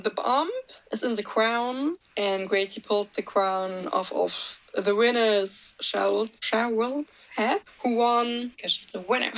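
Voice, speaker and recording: A woman's voice: mid-range voice, a bit bright, muffled recording. A young woman casually recapping a movie in a blunt, sweary, laughing way. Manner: blunt, sweary, laughs at her own jokes. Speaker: movie reviewer.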